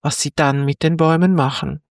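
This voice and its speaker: A narrator voicing a small male fox in a storybook reading, calm and slightly mocking. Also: medium pitch, fairly quick, vocal fry, no room sound, studio quality, close to an everyday voice. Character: wise little male fox, a bit mocking.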